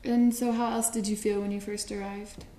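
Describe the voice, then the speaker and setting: A woman presenting a segment and asking interview questions in a clear, prompting tone. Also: medium pitch, level tone, normal speed, warm tone. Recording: roomy echo.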